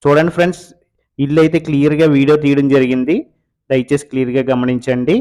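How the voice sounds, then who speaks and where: A man's voice: medium pitch, little pitch movement, fast talker, darkish tone. Man narrating a house walkthrough. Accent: Telugu, Andhra Pradesh coastal. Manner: repetitive, addresses viewers as friends. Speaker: real estate video host. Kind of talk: casual property walkthrough narration.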